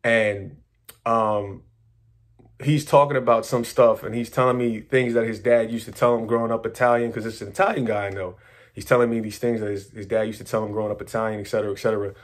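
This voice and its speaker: A man talking casually to his viewers, rambling excitedly through a story with slang, swearing and many restarts. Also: on the low side, brisk. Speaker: manifestation coach.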